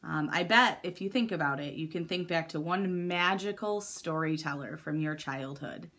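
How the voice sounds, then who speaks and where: A woman's voice: sits low, normal speed, fairly bright tone. A woman teacher giving a recorded video lesson to middle schoolers, explaining step by step in an upbeat, encouraging way.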